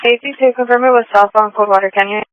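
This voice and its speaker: A woman police dispatcher heard over the radio, reading codes and plates in a level, monotone delivery. Her voice is smooth and clear despite the muffled, dry radio sound. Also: mid-range voice, fast talker, dry recording. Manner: clipped, even call-out of codes and plates. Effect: police radio transmission.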